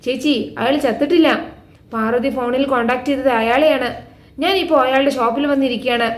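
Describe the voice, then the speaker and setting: Sly uneasy male schemer, read by a woman, high voice, echoey room. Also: steady tone, a little fast, natural voice.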